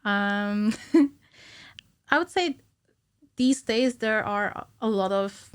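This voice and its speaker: A woman around thirty, an animator, guests on a podcast and explains things in a giggly, informal way during casual interview chat. Her mid-range voice is extremely slow, clear and resonant, picked up by a close stand-mounted studio mic in a small indoor studio with no room sound.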